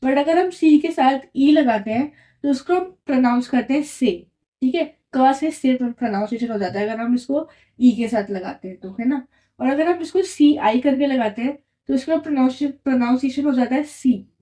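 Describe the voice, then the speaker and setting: Her voice sits high with a dark tone, and she speaks at a moderate pace. Teaching French at a whiteboard, the woman explains patiently, repeats points, and checks in with the listener by asking "right?".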